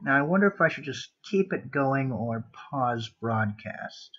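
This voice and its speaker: A man streams himself drawing at home, a dog nearby, chatting casually and muttering self-deprecatingly as host. His mid-range voice is animated yet measured, a bit bright and slightly rough, on dull lo-fi home audio.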